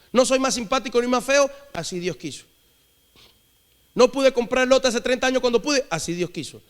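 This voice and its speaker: A man preaching a sermon, leading the congregation in repeated call-and-response phrases. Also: very high-pitched. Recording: long hall reverb.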